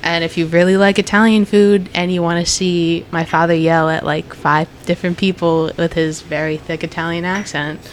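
Chatty young woman, lower voice. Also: flat delivery, normal speed, few pauses, slight background noise. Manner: chatty, frequent "like" and "you know". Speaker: restaurant owner's daughter, guest. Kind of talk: casual chat.

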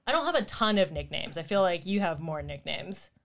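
A woman's voice: fairly low pitch, animated, a little fast, creaky, fairly bright tone. A woman in her thirties co-hosting a casual chat with her cousin, chatty and laughing often. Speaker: podcast co-host.

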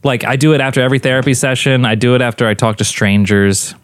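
A young man co-hosting a casual podcast, jokey and quick to laugh. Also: mid-range voice, dry recording, clean studio sound. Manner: animated, laughs often, jokey. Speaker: podcast co-host.

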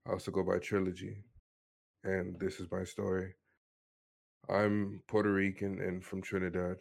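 A man's voice: low voice, completely flat delivery, moderate pace, vocal fry. A man in his twenties from Miami tells his personal story in an earnest, matter-of-fact way during a casual interview. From Miami, Florida, USA. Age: 20s.

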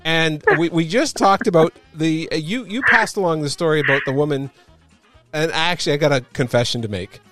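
A man's voice: a little high, a little fast, a bit bright, soft background music. A man co-hosting a casual podcast chat, telling stories animatedly and laughing often. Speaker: podcast co-host.

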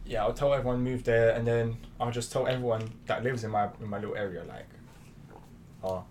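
A man's voice: mid-range voice, fairly even intonation, brisk, darkish tone. A young man with a London accent and urban roadman slang, chatting casually with friends. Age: young adult. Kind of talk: casual chat among friends. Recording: background noise.

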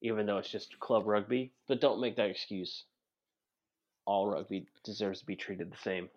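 A man co-hosting a casual podcast, joking with quick interjections and frequent laughs. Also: on the low side, flat delivery. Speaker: podcast co-host. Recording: dull lo-fi sound.

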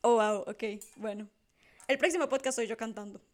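A young Costa Rican woman co-hosting a casual podcast. Her voice is high and bright, and she talks in a playful, self-deprecating style full of local slang. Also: moderate pace. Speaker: podcast co-host. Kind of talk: casual chat.

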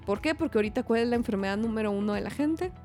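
A woman from Chihuahua, hosting a podcast in lively, slangy casual chat with faint music behind. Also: on the high side, rapid-fire. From Chihuahua, Mexico. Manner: chatty, animated, laughs often, slangy. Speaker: podcast host.

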